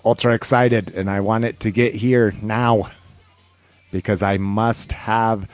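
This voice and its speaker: A man's voice: fairly low pitch, fairly even intonation, measured pace, no room sound. A man hosting a podcast with casual, rambling, informal fan talk. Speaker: podcast host.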